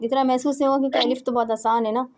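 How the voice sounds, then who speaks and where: A woman's voice: high-pitched, steady tone, a little mellow. A woman giving an informal home lesson, patiently demonstrating throat sounds step by step. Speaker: Quran pronunciation teacher. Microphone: home recording, phone.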